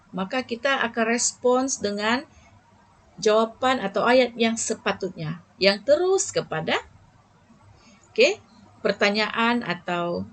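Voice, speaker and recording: A woman's voice: medium pitch, fairly bright tone. A Malaysian woman teacher giving an online Malay lesson to young pupils, checking in with them often. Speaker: primary school teacher.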